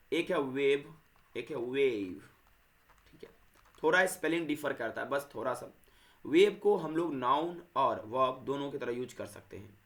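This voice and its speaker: A man's voice: medium pitch, fairly bright tone. Man teaching grammar, repetitive. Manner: repetitive, addresses viewers as friends; corrects himself mid-sentence. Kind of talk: explaining grammar to viewers.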